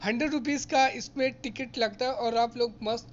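A man's voice: very high-pitched, fairly even intonation, normal speed, muffled recording, slight background noise. Chatty man giving a mall tour. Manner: chatty, addresses viewers as guys, explains prices and offers. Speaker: vlogger. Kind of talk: casual tour vlog narration.

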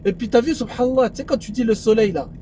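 A man's voice: fast talker, warm tone. A man chatting casually in French suburban street slang, peppered with Arabic religious interjections. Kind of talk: casual chat. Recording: noisy recording with vehicle rumble behind.

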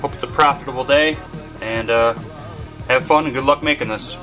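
Laid-back guy in his thirties, middle pitch, loose and profane home-cooking vlog talk over background music on a webcam. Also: moderate pace, sharp tone, rough recording. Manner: rambling, swears freely, many ums and uhs. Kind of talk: casual talk to camera while cooking. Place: home kitchen, indoors. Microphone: webcam camera mic.

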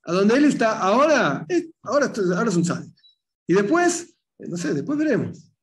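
A man teaching a relaxed religious class. His voice sits a bit high, and he tells stories with animated energy, acting out the voices of the people in them. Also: fairly quick. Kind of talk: conversational religious lesson.

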